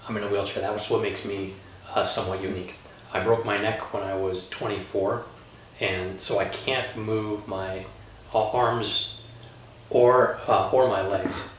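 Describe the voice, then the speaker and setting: A man from Colorado, a lawyer, hosting a relaxed panel chat, talking with many fillers and pauses. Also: on the low side, a little hiss or hum. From Colorado, USA. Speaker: host, lawyer. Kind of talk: casual panel conversation. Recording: roomy echo, distant mic.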